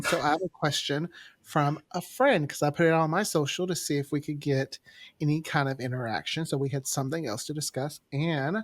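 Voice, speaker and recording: A man chatting casually and candidly as a podcast co-host, playful and prone to wandering off topic. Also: a little high. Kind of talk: casual chat.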